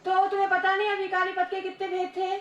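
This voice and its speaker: A woman teaching a grammar lesson to a school class, scolding and coaxing quiet pupils to answer. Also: very high voice, completely flat delivery, quick pace, highs cut off. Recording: echoey classroom with faint noise.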